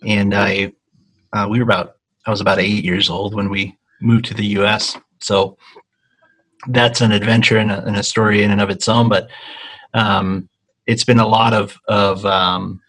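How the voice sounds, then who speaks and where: Guest: low-pitched man, husky voice, hesitant and restarting, casual interview talk. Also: level tone, a bit bright, low-quality recording. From Argentina. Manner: halting, many ums and restarts. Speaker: guest, consulting company founder.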